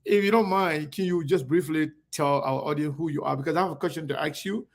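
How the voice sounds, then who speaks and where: Male host, slightly higher voice, gravelly, friendly and hesitant. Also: a little fast. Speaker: show host. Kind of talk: interview conversation.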